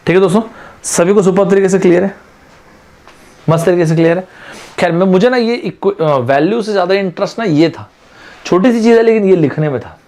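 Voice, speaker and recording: A man's voice: high voice, fairly quick, pauses often, mellow. A man teaching aptitude in an online exam-prep lecture, chatty and friendly, often calling his students friends and mixing in English terms.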